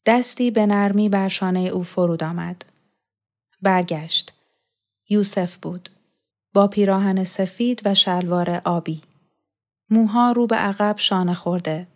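A woman narrating a novel in a calm, measured storytelling voice. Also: medium pitch.

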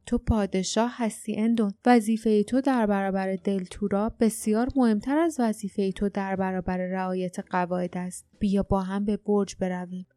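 A woman voicing a gentle, tired young queen who speaks softly in an audiobook. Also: mid-range voice, fairly even intonation, hardly any pauses, no room sound, close to an everyday voice. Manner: soft, gentle.

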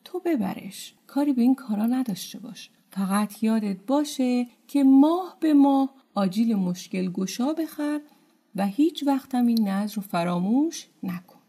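A mysterious old wanderer, as a woman reads him aloud hands out calm, knowing advice. He speaks in an unhurried, instructing way. The tone is dark and mellow, pitched a little high. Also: breathy edge.

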